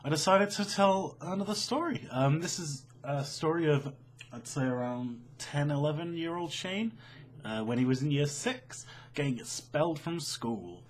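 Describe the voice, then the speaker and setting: An online storyteller, a young British man, spins a tale in a casual, chatty, animated way, swearing freely and mocking himself along the way. His voice has a slightly husky grain and his pitch jumps around a lot. He talks at a normal speed.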